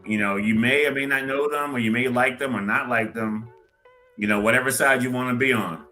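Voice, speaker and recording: A man speaking as a guest on a podcast, talking in a measured way with many fillers. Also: medium pitch, steady tone, faint music behind. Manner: measured, with many fillers and a sharp-edged timbre. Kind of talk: casual interview talk.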